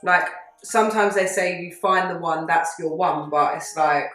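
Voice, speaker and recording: A woman's voice: on the low side, moderate pace, loud music behind the voice. A woman with a British accent co-hosting a YouTube chat, reacting to confessions in a blunt, opinionated and very sweary way. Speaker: YouTube co-host. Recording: echoey room.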